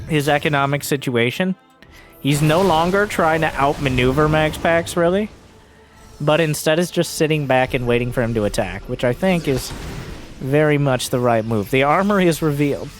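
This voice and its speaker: A man giving live play-by-play commentary on a video game match, exclaiming animatedly as play turns. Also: fairly high pitch. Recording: music behind the voice. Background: music.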